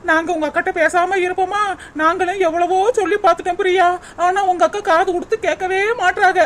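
A woman's voice: very high-pitched, little pitch movement, fairly bright tone, a little hiss or hum. A woman voicing a kind young village woman in a cartoon, consoling and sympathetic, with a southern Tamil accent. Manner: sympathetic, consoling, fast talker. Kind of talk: dubbed cartoon comedy.

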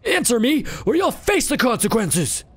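A man voicing a ragged, sickly old beggar who claims to be the city guard, gruff and prodding, then mournful. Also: very high voice, big pitch swings, moderate pace, dry recording, pitched above the performer's own voice, heavily acted.

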